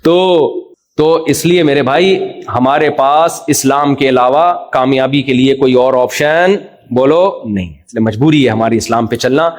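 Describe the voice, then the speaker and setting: A man giving a religious lecture in a jovial, teasing way, with mock-voiced examples. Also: mid-range voice. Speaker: Islamic preacher. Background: audience laughter.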